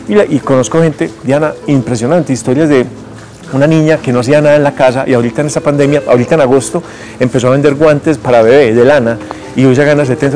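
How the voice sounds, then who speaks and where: A man's voice: medium pitch, a little mellow. A man in his forties, a guest giving emphatic motivational advice in an interview, recorded on a lapel mic outdoors in a garden set. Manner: emphatic, lecturing, gestures as he talks. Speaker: guest entrepreneur speaker.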